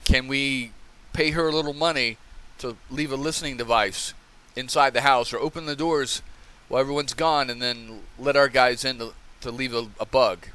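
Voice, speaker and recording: Middle-aged man, casual solo commentary, conversational, checks in with "okay?", bursts into loud acted-out bits. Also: medium pitch, steady tone, normal speed, clear, resonant tone. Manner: conversational, keeps asking "okay?", acts out scenes loudly. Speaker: podcast host.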